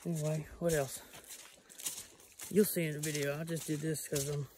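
A man's high-leaning, dark-toned voice comes through at normal speed with a flat delivery, plus a bit of hiss or hum. He's a hunting vlogger filming himself outdoors on rural land, casually explaining things while rambling with fillers and restarts.

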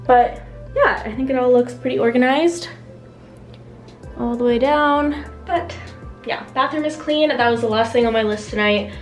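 A woman's voice: a little high, moderate pace, long pauses, soft background music. Chatty woman vlogging at home. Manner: chatty, many "like" fillers. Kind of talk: casual vlog narration. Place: at home indoors.

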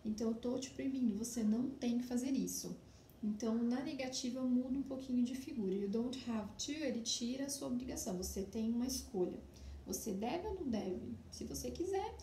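A woman with a Brazilian Portuguese accent teaching English to young pupils, repeating and explaining each phrase slowly. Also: on the high side, warm tone, a little hiss or hum. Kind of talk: recorded lesson for primary pupils. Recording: echoey room, distant mic.

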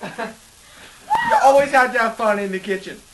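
A man's voice: extremely high pitch, huge pitch swings, measured pace, background noise. Giggly teenage boy in a kitchen. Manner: giggly and joking, often breaking into laughter. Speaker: co-host of a home cooking video. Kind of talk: goofy casual chat. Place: home kitchen, indoors. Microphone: laptop webcam mic.

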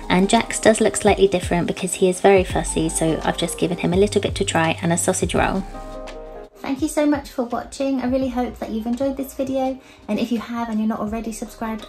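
A young woman from the United Kingdom talking casually through a cooking vlog in her home kitchen, relaxed and chatty, with filler words as she goes. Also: mid-range voice. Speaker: vlogger. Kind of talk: casual cook-along vlog.

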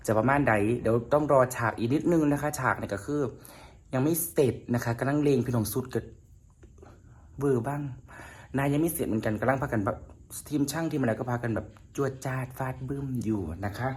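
A man with a northeastern Thai Isan accent, chatting casually to his viewers in a rambling vlog, often turning to speak to them as friends. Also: medium pitch. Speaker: vlogger.

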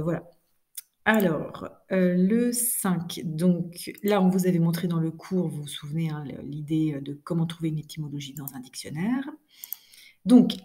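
A woman teacher records a lesson, correcting exercises for her pupils. Her voice sits a little low and sounds warm and mellow. She explains step by step, with frequent fillers and small restarts. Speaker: French teacher.

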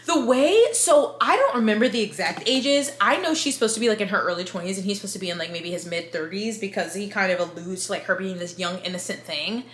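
A drunk woman in her thirties giving a rambling, exasperated, sweary book review rant in an animated, emphatic way. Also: mid-range voice, fast, few pauses, slight background noise. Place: living room with bookshelves, indoors. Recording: roomy home echo.

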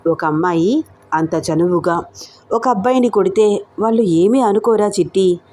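A woman's voice: medium pitch, moderate pace, a little mellow, a little hiss or hum, lightly acted. Teasing young lover in an audio story; a woman reads him in her own voice, easy playful delivery.

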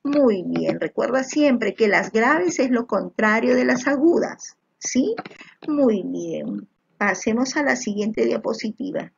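Slow and lively in intonation, a primary school teacher with a high-leaning, creaky, slightly rough voice leads young children through a spelling lesson on slides. She calls them little children, checks often that they follow, and stays patient and encouraging, in lo-fi sound.

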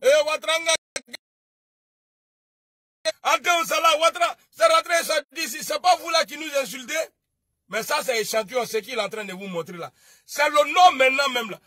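A man with an Ivorian French accent ranting on a political livestream, scolding and shouting, then dropping to low mutters. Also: fairly quick, dry recording, studio quality. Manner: shouting, scolding, swings between loud outbursts and low muttering. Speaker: online video commentator. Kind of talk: heated political livestream rant.

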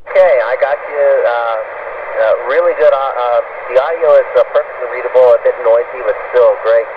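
A man's voice: mid-range voice, moderate pace, recorded from a distance. A man talking as a ham radio operator, heard through a slightly off-frequency sideband radio with a distorted sound. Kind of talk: radio contact with call signs and signal talk. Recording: tinny radio with loud static.

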